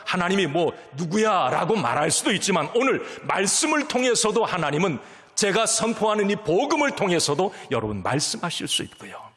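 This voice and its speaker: A man preaching a sermon as pastor, emphatic, swinging from loud calls to near whispers, in a church sanctuary. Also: high voice, big pitch swings, fairly quick, husky, in a large hall.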